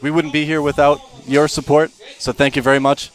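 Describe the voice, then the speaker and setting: A man's voice: fairly high pitch, flat delivery, fairly quick. A young man casting an esports match in easygoing, chatty banter with his co-caster. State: out of breath. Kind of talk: casual esports commentary.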